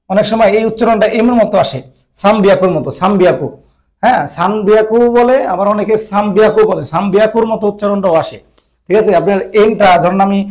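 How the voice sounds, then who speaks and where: A man with a high-pitched, somewhat dark-toned voice teaches a language lesson. He speaks patiently, repeats each term, and often checks that students are following with "ঠিক আছে?".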